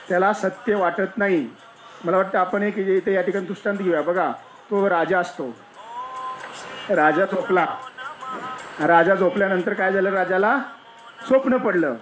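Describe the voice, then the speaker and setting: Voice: mid-range voice, a bit bright. A spiritual discourse speaker explaining teachings through a parable, often asking rhetorical questions and then answering them. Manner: explanatory, repeats key points.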